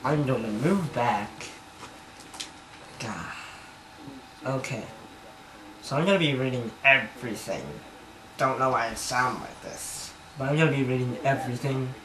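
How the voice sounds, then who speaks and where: A man with a medium-pitched voice reads fan fiction dramatically for laughs in his home bedroom, speaking a little slowly with long pauses. Amateur and self-conscious, he rambles and frequently fumbles words, recorded on a camera mic in an echoey, noisy room.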